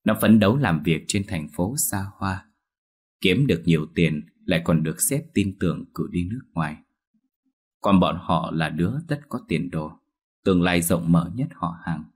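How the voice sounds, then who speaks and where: A man narrating a ghost story in a slow, somber storytelling tone. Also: low-pitched, slightly rough.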